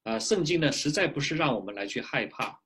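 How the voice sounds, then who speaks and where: Husky-voiced man preaching with lively pitch. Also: fairly quick. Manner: lively preaching with frequent filler particles. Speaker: pastor. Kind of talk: sermon with consecutive interpretation.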